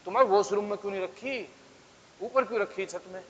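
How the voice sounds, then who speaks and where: A man's voice: sits high, brisk, fairly bright tone. Quizzing male teacher in a reverberant classroom. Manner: coaxing, keeps asking the class questions. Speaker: physics teacher. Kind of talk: classroom lecture. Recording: dull sound with long reverb.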